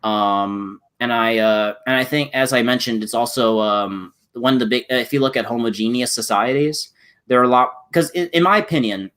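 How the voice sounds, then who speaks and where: A man's voice: mid-range voice, moderate pace, fairly bright tone, clean tone. A man in a casual political discussion, rambling with many restarts and fillers. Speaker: channel host in a discussion.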